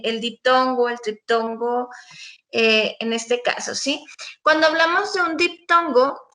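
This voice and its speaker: A woman's voice: high voice, sharp tone. A woman giving an exam-prep lecture, explaining step by step and checking in often with her students. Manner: patient, explanatory, checks in with frequent "¿sí?". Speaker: teacher.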